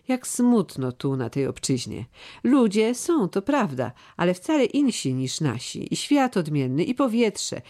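A man's voice: sits high, darkish tone, voice pushed up, exaggerated voice. A man reading the part of a homesick young male servant who talks in a pleading, heartfelt way. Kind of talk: audiobook character reading.

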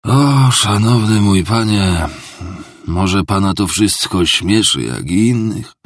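Audiobook: man doing a boozy older male ex-clerk, raised gravelly voice, pleading, rambling, husky, dry close sound. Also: fairly low pitch, animated, slow, no echo, pitched above the performer's own voice. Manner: pleading, rambling, theatrical confession. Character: drunken, self-pitying older male ex-clerk. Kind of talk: audiobook character reading.

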